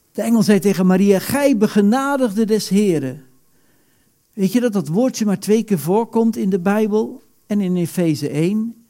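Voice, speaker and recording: A man preaching a sermon, animated, acting out quoted prayers with sudden loud outbursts. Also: high voice.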